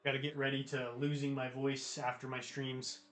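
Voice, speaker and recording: Chatting casually with live viewers, this American livestream host keeps things laid-back and slangy. His medium-pitched, slightly bright voice moves at normal speed with a completely flat delivery, against a roomy echo and background guitar music.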